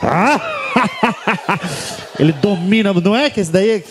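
A man with a high, bright voice tells a stand-up story on stage. He switches into little voices for each person he describes. A faint hum of the room sits behind him. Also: fast talker. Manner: animated, acts out voices of the people in his story. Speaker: stand-up comedian. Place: comedy venue with a laughing audience.

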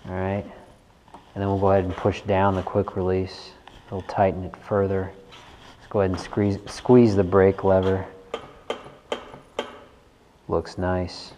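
A bike mechanic host speaks in a low, mellow voice with little pitch movement, keeping a measured pace and pausing often. He gives a casual hands-on tutorial, thinking aloud informally as he works indoors in a large wooden workshop garage. The audio comes from a body-worn action camera and sounds echoey, with noticeable noise.

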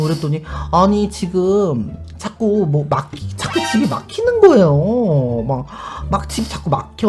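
A man hosting a casual storytelling vlog, chatty and animated, acting out the people he quotes. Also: on the high side. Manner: chatty, many fillers, addresses viewers. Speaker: YouTuber host.

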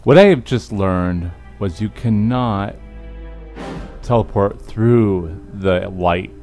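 A man's voice: lowish voice, takes it slowly, darkish tone, faint music behind. A man giving casual video game commentary and reading in-game texts aloud. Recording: clear background noise from game. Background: game ambience.

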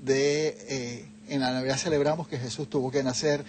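A man's voice: mid-range voice, steady tone, moderate pace, a little mellow, slight background noise. Older man speaking reflectively. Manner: reflective, explanatory. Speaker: guest, Jesuit leader. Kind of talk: TV studio interview. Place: TV studio set, seated on a sofa. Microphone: lapel mic.

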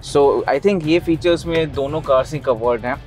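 A man's voice: a little high, rapid-fire, a little mellow, soft background music. An Indian man in his thirties chatting informally and giving his opinions as host of a car comparison. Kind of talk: casual car comparison chat, mixing Hindi and English.

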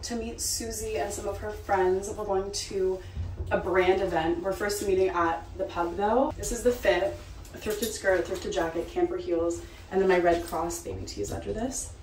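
A woman's voice: mid-range voice, steady tone, normal speed, low-quality recording. A young woman in her twenties talking casually to a handheld camera as she walks around outdoors, upbeat and full of fillers. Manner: chatty, upbeat, filler-heavy. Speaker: vlogger. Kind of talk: casual vlog narration. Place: outdoors on city streets and in a park. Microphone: phone or vlog camera held at arm's length. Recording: loud street noise.

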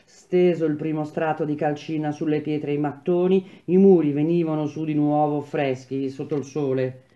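A woman reading a novel aloud in a measured, even storytelling manner. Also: deep voice, lo-fi sound. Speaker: reader of a novel.

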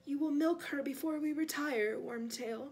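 A woman voicing a cold, menacing, weakened male dark lord in an audiobook, imperious and deliberate, sometimes sinking to a breathy hiss. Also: high voice, voice pushed up, lightly acted. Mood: commanding. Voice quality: breathy, hissing whisper at times.

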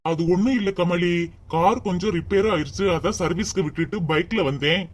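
A man's voice: high-pitched, brisk, heavy background noise, lightly acted. A man voicing a caring older brother and indulgent father in a cartoon, coaxing and fussing. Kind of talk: Tamil cartoon dubbing.

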